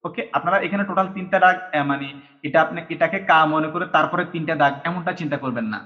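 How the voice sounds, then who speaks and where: A man's voice: fairly high pitch, fast. A man teaching a language lesson step by step, patiently repeating each sound and counting strokes aloud. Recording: dull lo-fi recording.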